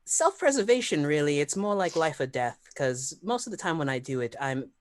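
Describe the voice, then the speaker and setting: A woman's voice: deep voice, very animated, a little fast, dry recording, studio quality. A woman playing a tabletop game, speaking casually in character. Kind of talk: casual in-character role-play.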